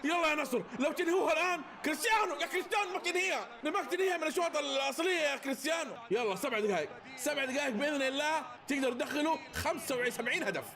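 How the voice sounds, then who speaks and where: A man calls out the plays of a football match as he watches live. His voice is very high and he talks fast. He shouts praise for the players and begs his team to hold on. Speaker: football fan youtuber reacting live.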